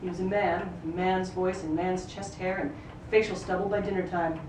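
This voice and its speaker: Her voice fairly low and her pace normal, a female actor gives an expressive third-person reading of literary fiction. The live event takes place in a roomy venue, picked up off-mic at a distance with noisy ambience.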